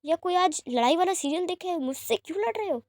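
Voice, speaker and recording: A woman voicing a patient young man in a storybook romance who talks in a gentle, bewildered way. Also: very high-pitched, animated, quick pace, dry recording, studio quality, pitched above the performer's own voice. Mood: puzzled. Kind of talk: storybook read-aloud.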